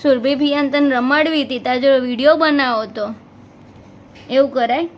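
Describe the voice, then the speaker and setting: A woman's voice: sits high, fairly even intonation, normal speed, rough recording. A woman with a Gujarati accent filming her baby on a handheld phone at home, cooing and teasing in sing-song baby talk.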